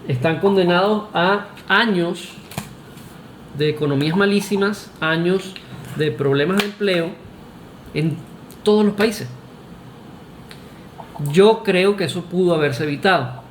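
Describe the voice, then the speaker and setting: Speaking to camera at a measured pace and pausing often, a high-voiced Venezuelan man argues his opinions emphatically in a Venezuelan Spanish accent. This vlogger restarts often and leans on "este" as a filler, and the room echoes with slight background noise.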